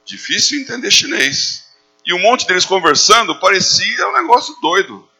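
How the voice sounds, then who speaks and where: A man's voice: high voice, very animated, moderate pace, gravelly, bright, forceful tone, slightly rough, faint music behind. A man preaching a sermon, animating his points with acted quotes. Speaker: pastor.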